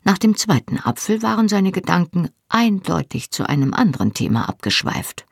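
An audiobook reader giving a lively, expressive scripted narration of a novel. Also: mid-range voice, normal speed, vocal fry, husky, no room sound, clean studio sound.

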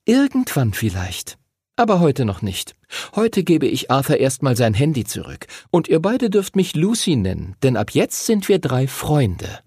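A man's voice: medium pitch, huge pitch swings, unhurried, darkish tone, husky, dry recording, studio quality, voice pushed up, heavily acted. A man voicing a sly, cheeky young girl who coaxes and teases. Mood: teasing. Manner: coaxing, teasing.

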